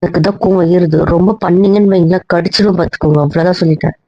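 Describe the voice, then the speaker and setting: A woman's voice: lowish voice, steady tone, rapid-fire, no room sound, highs cut off. A woman playing a wife in a comedy audio drama, bossy and teasing as she scolds. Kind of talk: casual role-play banter.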